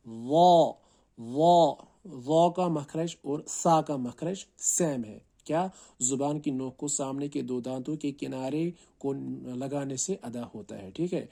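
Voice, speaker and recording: A man teaches how to pronounce Arabic letters, explaining each one patiently and often asking "right?". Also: medium pitch. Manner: explains slowly, then calls out each letter long and loud. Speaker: Quran recitation teacher.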